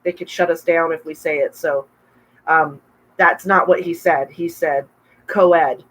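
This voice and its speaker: A woman co-hosting a casual livestream chat, bubbly and quick to laugh, with a bit of a cough. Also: sits low, fairly even intonation, low-quality recording. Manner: bubbly, laughs often, chatty with viewers. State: coughing, throat trouble. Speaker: podcast co-host. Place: home room, livestream with wine.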